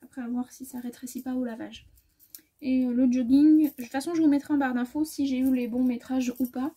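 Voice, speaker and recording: Woman sewing vlogger, high and husky-soft, casual rambling haul chat. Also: fairly even intonation, fairly quick. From France. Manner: chatty, rambling, self-correcting, often trailing off softly.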